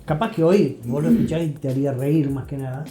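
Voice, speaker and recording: The Argentine interview guest here has a mellow voice on the high side and a fairly quick pace. He explains and tells stories in a reflective, conversational way, with emphasis and brief check-in questions, against a roomy echo and faint music.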